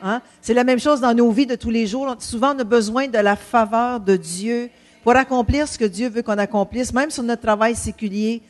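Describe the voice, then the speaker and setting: A woman's voice: on the high side, a little mellow. A woman giving a chatty, self-deprecating church testimony. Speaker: pastor's wife, guest speaker.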